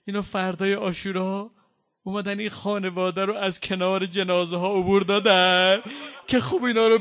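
A man giving a mourning sermon. He recites quoted lines slowly and drawn out, then explains them in plain speech, with fervent, impassioned delivery. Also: sits high, fairly bright tone. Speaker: preacher.

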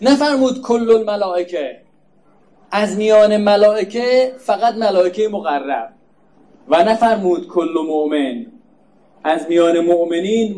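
A man with a notably high voice teaches from sacred verses in a lecture. He explains step by step, posing rhetorical questions and then answering them. At times he repeats a word softly for emphasis. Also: a little hiss or hum. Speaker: preacher. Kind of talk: religious lecture on Quran verses.

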